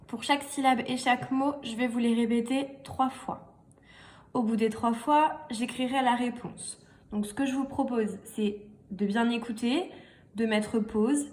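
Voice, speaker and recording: A woman teaching a reading lesson and dictation to young children, speaking slowly, repeating each word and spelling out letters. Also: a little high, darkish tone. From France. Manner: very slow, deliberate, spells letters and repeats words. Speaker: primary school teacher.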